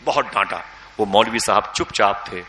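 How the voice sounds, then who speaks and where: A man preaching in Urdu with an Indian accent, telling a story dramatically with loud emotional surges. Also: fairly low pitch. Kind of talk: impassioned religious storytelling sermon. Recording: echoey hall sound.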